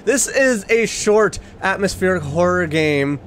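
A man's voice: high voice, expressive, unhurried, fairly bright tone, a little hiss or hum. Jumpy young man on horror commentary. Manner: jokey, jumpy, exclaims when startled. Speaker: gaming YouTuber. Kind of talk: horror game let's play commentary.

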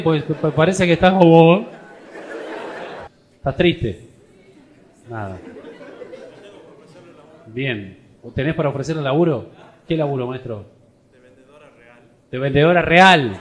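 A man with a Rioplatense accent, a stand-up comedian teasing the crowd and chatting in his vlog. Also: on the high side. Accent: Rioplatense Spanish. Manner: teasing, joking, laughing often. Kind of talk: crowd work and casual vlog chat.

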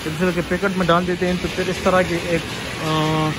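Filming on a handheld phone, a man with an Urdu-speaking Pakistani accent gives a casual tour of a factory's indoor workshop, chatting through each step among the machines. His voice sits high with a level tone at normal speed, he points while repeating "you can see," and there's noise in the background.

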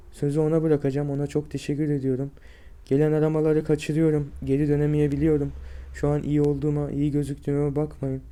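A man in his twenties, sick and drained, talking to viewers in a weak, strained voice with halting, effortful delivery. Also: fairly high pitch, dark tone. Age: 20s. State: sick and drained with fever and aches. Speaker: vlogger. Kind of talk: personal health vlog, speaking to viewers.

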